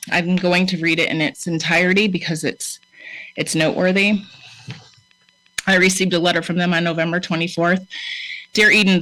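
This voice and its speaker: A town board official reading a formal letter aloud at a town meeting in a steady, formal way, with a few small stumbles. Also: mid-range voice, rough recording. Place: town hall meeting room.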